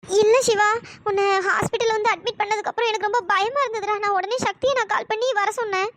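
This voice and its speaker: A performer voicing a tender, worried young woman in a cartoon story, talking in a pleading, soft-hearted way. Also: extremely high pitch, fairly even intonation, fast, dry recording.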